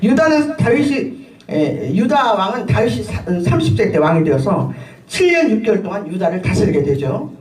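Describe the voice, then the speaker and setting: A middle-aged woman pastor giving a sermon with personal testimony, telling her story in an animated way with frequent laughter and fillers. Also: medium pitch, moderate pace. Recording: echoey room, voice from a distance, faint ambient noise.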